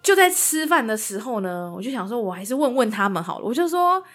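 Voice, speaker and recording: A woman with a Taiwanese Mandarin accent tells a spooky personal story on a podcast, her voice sitting fairly high. She is animated and slips into the voices of the people in the story. Soft music plays low behind her. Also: quick pace. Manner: animated, acts out quoted dialogue. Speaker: podcast co-host. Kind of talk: casual ghost-story telling.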